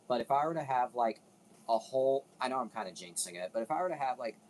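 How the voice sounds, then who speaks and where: A man's voice: medium pitch, animated, fast, darkish tone, poor audio. A man hosting a casual commentary video, rambling, cutting himself off and swearing now and then. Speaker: video host.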